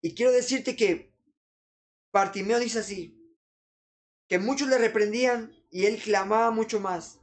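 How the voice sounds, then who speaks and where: An earnest preacher delivering a sermon, pleading with the listeners and circling back again and again to the same fond address. The voice sits at a middle pitch, neither high nor low. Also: a little slow, pauses often. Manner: repeats "amados amigos" constantly, earnest pleading.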